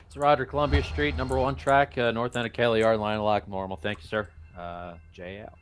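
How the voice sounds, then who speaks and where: A man's voice: medium pitch, steady tone, fairly quick, slight background noise. A man acting as a train dispatcher, giving clipped railroad radio calls as if over a radio and signing off with "over" and "out". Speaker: train dispatcher in a multiplayer train game.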